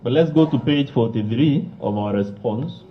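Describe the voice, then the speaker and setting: A man, a lawyer cross-examining a witness with forceful, combative questions. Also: mid-range voice, normal speed, slight background noise. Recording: muffled lo-fi broadcast audio.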